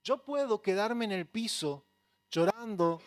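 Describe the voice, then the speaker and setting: Argentine pastor preaching, fairly high voice. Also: male voice, animated, a little slow, dry recording. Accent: Rioplatense Spanish. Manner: earnest, conversational preaching with acted quotes. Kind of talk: sermon.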